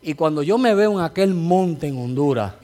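A man's voice: fairly high pitch, lively intonation, moderate pace, dark tone. A man preaching a sermon as a pastor, telling a testimony with rising fervor.

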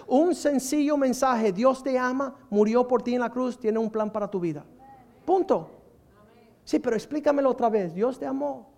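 A man preaching a sermon, emphatic and building to fervent shouting. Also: very high voice.

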